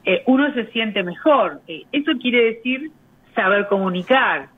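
A woman, a communication specialist explaining her ideas as a guest on a radio interview, pausing often on hesitant fillers. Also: on the high side, animated, breathy edge. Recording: tinny phone line.

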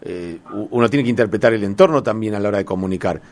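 A man's voice: fairly low pitch, quick pace, a little mellow. A man, a journalist hosting a radio interview, chatting in a reflective, conversational way.

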